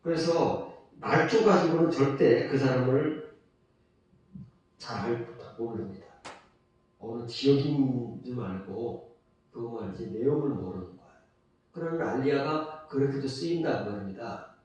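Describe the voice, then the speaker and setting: A man's voice: mid-range voice, animated, measured pace, darkish tone, highs cut off. A man preaching a sermon as a pastor, emphatic, repeating key phrases and asking rhetorical questions. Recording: distant mic, very echoey church hall.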